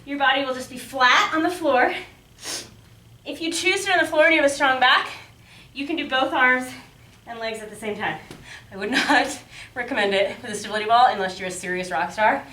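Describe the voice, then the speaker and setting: High, bright-voiced woman fitness coach, far off. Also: brisk. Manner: peppy, encouraging, casual, calling out cues and counts; exerting herself while talking. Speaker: fitness instructor. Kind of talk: workout instruction, coaching along while exercising. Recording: echoey room, distant microphone.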